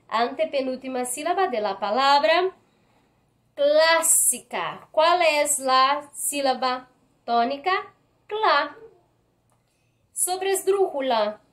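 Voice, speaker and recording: A woman teaching an online Spanish grammar lesson, reading slowly and often checking in with her students by asking "right?". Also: sits high. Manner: slow, careful, often checks in with a questioning "right?".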